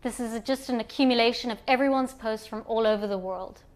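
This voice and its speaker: A woman with a slightly high voice, from Zimbabwe, presenting an online platform. She explains each screen calmly and in order, as a guided walkthrough for new users. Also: a little fast. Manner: calm step-by-step explaining.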